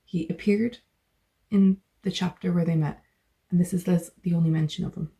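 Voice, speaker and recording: A woman's voice: on the low side, fairly even intonation, normal speed, vocal fry, dark tone, poor audio. A woman guest joining a casual book chat, with wry remarks. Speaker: guest co-reader.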